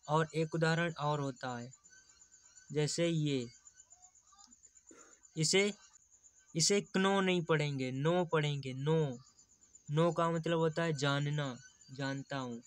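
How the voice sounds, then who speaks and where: A man's voice: fairly high pitch, no echo. A man teaching English pronunciation, explaining patiently and repeating example words.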